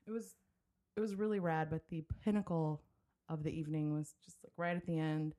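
Lowish-voiced woman hosting a podcast at home, rambly, lots of ums and restarts. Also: steady tone, brisk, mellow. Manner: rambling, chatty, many fillers and restarts. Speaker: podcast host. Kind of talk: casual chat. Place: home studio, drinking with a guest.

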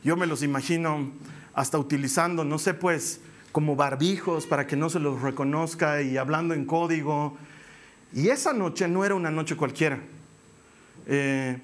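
A man preaching a sermon, telling the story with animated delivery, acting out voices and joking with the congregation. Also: a little high, normal speed.

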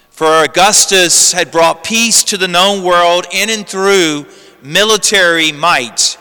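A male priest speaks from the pulpit with long cathedral reverb trailing his words. His voice is fairly high, bright and clear. He preaches with measured emphasis and deliberate pauses. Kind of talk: homily and Gospel reading. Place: large reverberant church.

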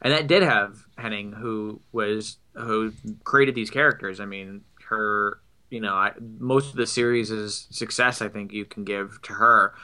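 A man's voice: on the low side, measured pace, sharp tone, smooth. A man co-hosting a podcast, chatting casually with hesitant, stammering restarts. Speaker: podcast co-host.

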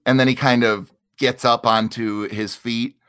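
A man's voice: mid-range voice, fairly even intonation, unhurried, fairly bright tone. A man narrating as game master in a tabletop game, talking hesitantly with many restarts.

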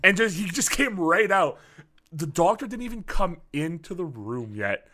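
Male podcast host, slightly high, bright voice; animated, profane storyteller. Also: normal speed. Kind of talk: casual podcast chat.

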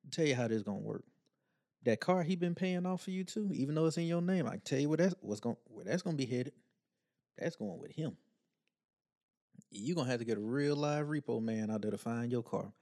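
A man's voice: mid-range voice, expressive, brisk, vocal fry, darkish tone. A man co-hosting a casual advice podcast, joking in a teasing, playfully petty way. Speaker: podcast co-host giving advice. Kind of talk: casual chat.

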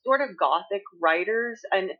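A woman's voice: mid-range voice, lively intonation, unhurried, muffled recording. A woman with a Southern accent from Appalachia, a writer telling stories in a casual conversation with many restarts and laughs. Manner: chatty storyteller, laughs often, many restarts. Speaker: guest writer.

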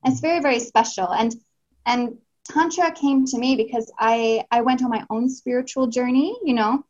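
Woman guest, heartfelt and rambling, slightly high voice, dull lo-fi line. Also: moderate pace, darkish tone. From Canada. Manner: earnest, heartfelt, many fillers and restarts. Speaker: guest, Tantra teacher. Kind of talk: casual podcast interview.

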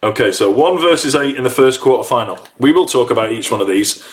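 A man's voice: medium pitch, expressive, fairly quick. A man hosting a casual podcast, bantering in a teasing, gloating, jokey way. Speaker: podcast host.

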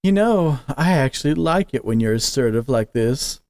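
A man's voice: medium pitch, animated, normal speed, darkish tone, no room sound, natural voice. A man voicing a sly demon creditor trapped in a plush toy, with a mocking, purring manner. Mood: cooing.

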